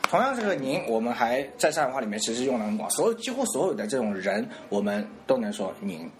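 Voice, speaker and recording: Male lesson host, easygoing coach who laughs a lot, animated melody. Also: medium pitch, quick pace. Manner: laughs often, coaches pronunciation. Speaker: dialect teacher and host. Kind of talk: casual radio lesson chat.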